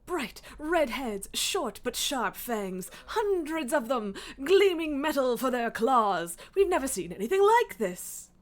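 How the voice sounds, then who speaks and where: A woman's voice: sits high, very animated, takes it slowly, few pauses, heavily acted. A woman voicing a frightened peasant, pleading breathlessly and theatrically in a game. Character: pleading, dramatic, frightened peasant reporting monster attack.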